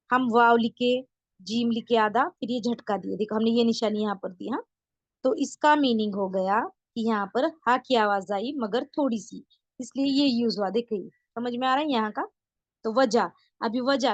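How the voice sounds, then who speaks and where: A woman teaching an online beginner Urdu writing lesson, patient, repeating words slowly and often checking that her students follow. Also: a little high, no echo, muffled recording. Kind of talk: online beginner lesson, explaining letters step by step.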